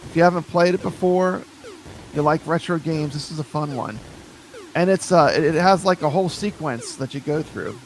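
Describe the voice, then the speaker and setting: A man's voice: a little high, normal speed, a little hiss or hum. A man hosting a casual live chat, showing retro games with eager, rambling talk. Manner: enthusiastic, rambling, repeats words. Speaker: host reviewing a retro console. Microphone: streaming with camera.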